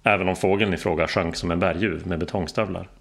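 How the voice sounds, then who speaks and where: Male audiobook narrator, wry and dry; low, gravelly timbre. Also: steady tone.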